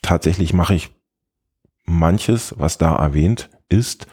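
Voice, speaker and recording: Man, very low voice, husky tone, casual tech podcast chat, halting with fillers. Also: a little mellow. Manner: hesitant, many fillers, explains step by step. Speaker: podcast co-host.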